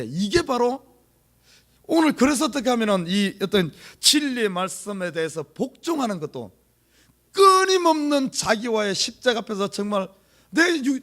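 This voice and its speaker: A man's voice: very high-pitched, fairly bright tone, slightly rough. A middle-aged male pastor with a Gyeongsang accent preaching an early-morning sermon, repeating key words for stress and putting rhetorical questions to the congregation. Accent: Gyeongsang Korean. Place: church sanctuary.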